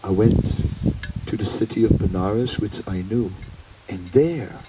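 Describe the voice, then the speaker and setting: A man telling his life story to an audience as an animated storyteller who often laughs and pauses with fillers. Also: on the low side. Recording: noisy live talk recording.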